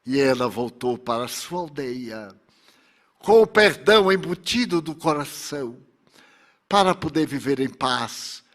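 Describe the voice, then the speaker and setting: A man giving a spiritual lecture as a dramatic story, slow and emphatic with long pauses. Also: medium pitch, expressive, a bit bright. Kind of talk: sermon-like storytelling.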